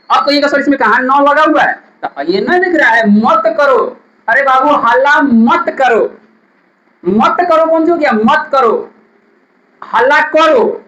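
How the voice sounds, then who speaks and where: A man's voice: very high-pitched, sharp tone, roomy sound, lo-fi sound. A male teacher, giving a classroom grammar lesson, repeating definitions and quizzing his students.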